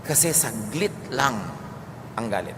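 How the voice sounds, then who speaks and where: A man with a Filipino accent giving a calm teaching sermon, moving between Tagalog and English. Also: mid-range voice, unhurried. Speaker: preacher. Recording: long hall reverb with faint noise.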